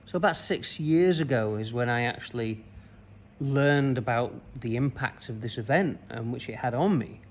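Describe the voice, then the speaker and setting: In a mid-range voice at a moderate pace, a male spiritual coach recounts a childhood memory to camera. His telling is loose and rambling, with many fillers and restarts.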